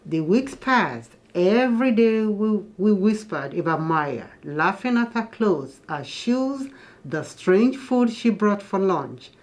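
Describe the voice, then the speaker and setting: Speaking slowly in a mid-range, lively voice, this guest storybook reader shares a picture book with children. She sounds like a teacher, pausing to explain things for the young audience.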